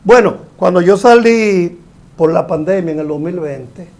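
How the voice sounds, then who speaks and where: High-voiced older man explaining. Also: darkish tone. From Dominican Republic. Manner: explanatory, measured, occasionally emphatic. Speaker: guest engineer. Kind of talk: panel talk show discussion.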